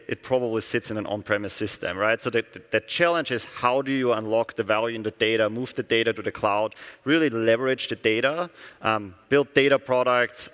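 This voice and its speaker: A middle-aged man from Austria speaks at a conference at a medium pitch, loose and conversational. He keeps checking in with the audience with a quick "right?". His voice carries the long reverb of a large hall. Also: a bit bright, smooth. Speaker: company executive giving a keynote. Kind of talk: conference keynote talk.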